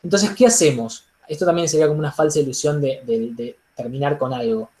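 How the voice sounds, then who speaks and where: A man with an Argentine accent teaching public speaking in an online workshop, animated, with frequent "digo" and "entonces". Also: fairly high pitch, a little fast, echoey room. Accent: Argentine Spanish. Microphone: laptop microphone on a video call.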